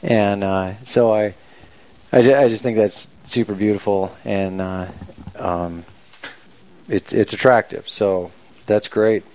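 A man hosting an interview, talking casually and warmly, with lots of fillers and restarts. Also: fairly low pitch, steady tone, slow. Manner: warm, rambling, full of fillers. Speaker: host.

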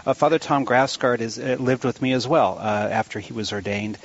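A middle-aged man hosting a live radio round-table interview, animated and repeating his words for emphasis. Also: medium pitch, fairly quick. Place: live remote broadcast from a church. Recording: dull band-limited radio sound.

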